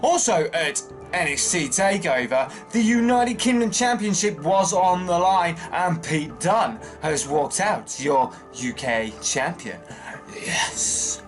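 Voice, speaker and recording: A man in his thirties hosting a casual wrestling news show to camera, upbeat and chatty, with big jumps in pitch for emphasis. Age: 30s. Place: small wood-panelled room full of wrestling posters. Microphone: webcam close up, then wide desk camera.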